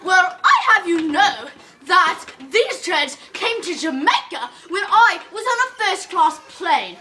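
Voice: very high voice, sing-song, slow, sharp tone, slight background noise, heavily acted. A child voicing a snooty horse who fakes posh manners and talks in a haughty, huffy way.

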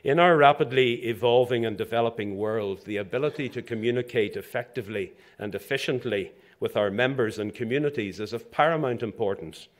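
An older Zambian man delivers a formal inaugural address as president of a professional institution, speaking from a lectern in a lecture hall. His medium-pitched delivery is measured, with dry asides, in a prepared speech.

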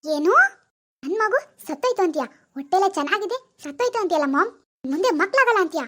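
A woman's voice: very high voice, animated, fast talker, a little hiss or hum. A woman voicing a grieving young woman who believes she is still pregnant, childlike, dreamy and stubborn. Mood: defiant. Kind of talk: animated family drama voice acting.

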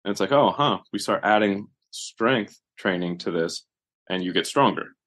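A man with a lowish voice and moderate pace co-hosts a casual podcast; he's a physical therapist. He talks loosely and conversationally, airing animated, strong opinions with lots of fillers.

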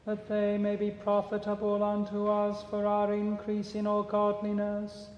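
A priest chanting the liturgy in a slow, solemn manner, holding a steady tone. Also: male voice, sits high, slight background noise. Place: large church. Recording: echoey church hall, slightly dull.

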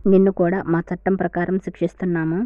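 A stern king pronounces judgment in a retold drama, as a woman reading aloud puts him on. The delivery is raised in volume but stays level and low-set in pitch. The sound is thin and phone-like with no room around it. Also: little pitch movement, fast talker, no room sound, close to an everyday voice. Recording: tinny phone-like dry recording.

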